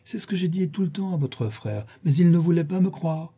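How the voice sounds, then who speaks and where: A man's voice: fairly high pitch, expressive, fairly quick, mellow, slightly rough, pitched above the performer's own voice. A man voicing a gushing, affected young society woman, effusive and teasing in a theatrical way.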